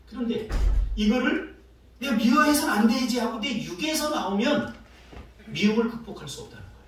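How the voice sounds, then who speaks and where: A middle-aged male pastor preaching, his voice fairly high and swinging widely as he tells animated stories and acts out the voices of others. He is heard from a distance in a very echoey church hall with faint noise behind him. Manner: animated storytelling, acting out quoted voices, laughing often. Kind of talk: sermon. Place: church sanctuary.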